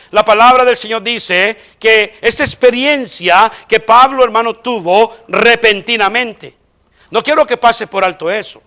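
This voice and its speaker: A male pastor preaching a sermon in a church, emphatic and rising sharply in pitch when he quotes voices. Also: sharp tone. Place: church sanctuary.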